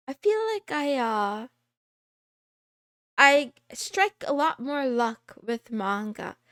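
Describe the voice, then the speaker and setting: A woman's voice: sits high, a bit bright, no echo, clean studio sound. A woman streamer chatting casually through a voice changer, rambling and laughing often as she talks. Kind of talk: casual chat.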